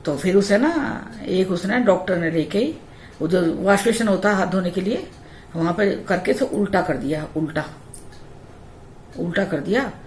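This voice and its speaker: A woman's voice: on the low side, lively intonation, normal speed, a little mellow, roomy sound, slight background noise. A young adult woman vlogger telling a personal story in a chatty, repetitive way. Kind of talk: casual storytelling.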